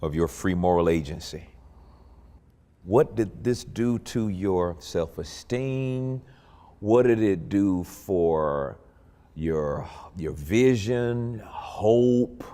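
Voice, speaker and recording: A man hosting a talk show as a pastor, speaking slowly and earnestly in a gentle interview. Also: low-pitched, animated, long reverb tail.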